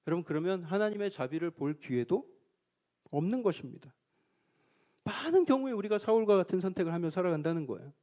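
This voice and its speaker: High-voiced man preaching a story sermon. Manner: lively storytelling, acts out quoted prayers and cries. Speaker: senior pastor.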